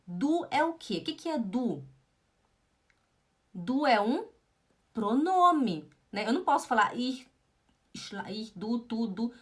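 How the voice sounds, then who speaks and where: A woman's voice: on the high side, sing-song, slow pace, pauses often, husky. Chatty Brazilian woman teaching German. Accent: Brazilian Portuguese. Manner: chatty, reads viewer comments, frequent "né?". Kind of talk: live-streamed language lesson.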